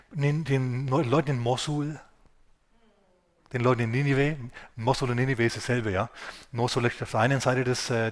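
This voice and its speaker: A man preaching a sermon as pastor, in loose everyday language that wanders into asides. He speaks straight to his listeners and checks in with them as he goes. His voice sits at a middling pitch for a man. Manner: colloquial, digressive, addresses congregation directly.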